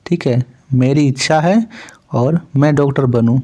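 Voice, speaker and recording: A man's voice: medium pitch, a little slow, dark tone. A male teacher going through exam questions, reading a poem aloud and then asking and answering quiz questions himself. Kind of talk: exam answer walkthrough lesson.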